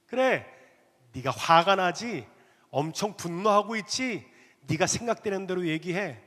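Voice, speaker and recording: A man voicing a flattering male devil who eggs a listener on, loud and soothing at once, in a sermon. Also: high voice, measured pace, voice pushed up, full character voice. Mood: coaxing. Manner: soothing, egging on. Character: coaxing, flattering male devil tempting within. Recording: long reverb of a church hall.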